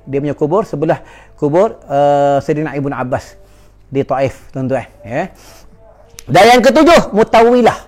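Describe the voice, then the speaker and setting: Dramatic Malaysian Malay preacher, higher voice. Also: male voice. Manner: dramatic swings between loud exhortation and hushed asides. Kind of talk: sermon.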